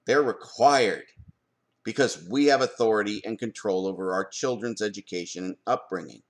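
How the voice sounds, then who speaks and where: A man's voice: lowish voice, normal speed. Emphatic man ranting with rhetorical questions. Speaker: parent commenting on school board policy. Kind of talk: opinion vlog rant.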